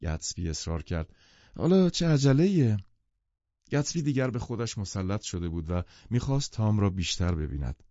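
A man narrating an audiobook in an expressive storytelling manner. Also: low voice, dry recording. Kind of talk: scripted narration. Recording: dull, dry lo-fi audiobook recording.

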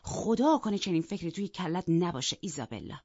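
A woman voicing a proud, sharp-tongued young woman who mocks and scolds in an audiobook. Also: a little high, expressive, no echo, voice pushed up. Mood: scornful. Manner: cutting and mocking. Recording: dull, dry lo-fi recording.

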